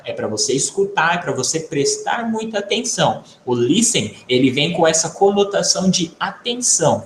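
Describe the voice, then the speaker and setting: Male teacher, slightly raised pitch, patient classroom explainer, echoey room sound. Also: slight background noise. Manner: patient, explanatory, tags phrases with "tá?". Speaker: English teacher. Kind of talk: video lesson explaining vocabulary.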